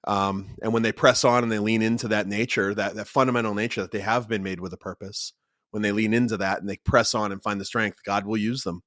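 A man's voice: lowish voice, fairly even intonation, brisk, fairly bright tone, dry recording, studio quality. A man speaking as a podcast guest, earnest and encouraging in tone. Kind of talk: conversational podcast talk.

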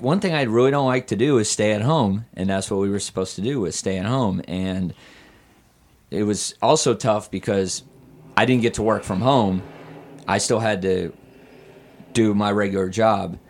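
A hungover man chatting candidly and casually as a podcast guest, a bit hesitant and rambling. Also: fairly low pitch.

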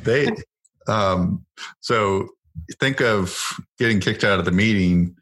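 A man's voice: lowish voice, slow, a bit bright. A man co-hosting a casual family podcast, a parent who chats easily and drops dry, wry asides.

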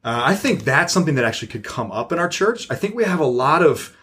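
A man's voice: fairly high pitch, sing-song, quick pace, a bit bright. A man who is a church elder and podcast co-host, chatting casually in an easygoing, teasing way. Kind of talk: casual chat.

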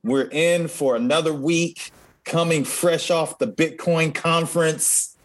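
Playful male co-host, slightly high voice, unhurried delivery, casual banter. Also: fairly even intonation. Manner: upbeat, playful, laughs often. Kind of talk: casual podcast chat.

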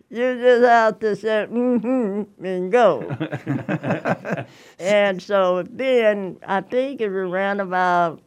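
Slow-talking, rambling hundred-year-old woman. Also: fairly low pitch, clean tone. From Tennessee, USA. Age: 100. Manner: rambling, repeats phrases, laughs often. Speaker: choir member, interview guest. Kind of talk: casual interview chat.

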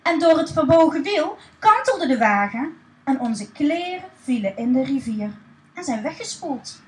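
A woman's voice: high-pitched, big pitch swings, unhurried, poor audio. A woman voicing a tired father of a stranded family, plain and weary. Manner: tired and dejected.

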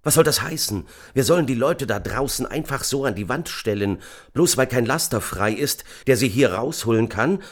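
A man voicing an outraged young soldier who shouts sharply in a high, strained voice. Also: expressive, normal speed, lightly acted.

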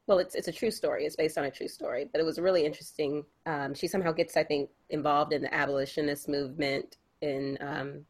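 A young woman with a low, slightly breathy voice co-hosts a podcast. She chats casually and rambles, with many fillers and restarts.

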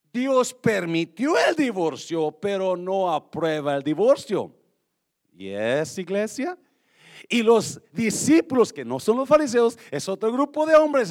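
A male pastor preaching to a church, lively and joking, dropping in English phrases. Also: high-pitched, vocal fry. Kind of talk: sermon.

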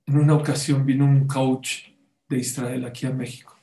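A man's voice: medium pitch, little pitch movement, normal speed, creaky, warm tone, roomy sound. A man giving a sermon-style talk as a religious teacher, putting rhetorical questions to his audience and quoting Hebrew sources.

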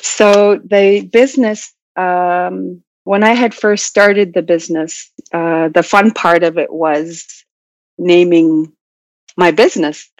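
Over a dull, roomy, lo-fi call, a slow-speaking woman from Nunavut answers interview questions reflectively, pausing to find her words. Her voice sits on the low side with a steady tone. She owns a business and is learning the Inuit language.

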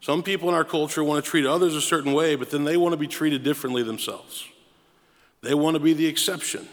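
Male pastor preaching, kinda high voice, repeats stuff for emphasis, big echoey church. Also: fast. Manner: emphatic, repeats phrases for effect. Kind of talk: sermon.

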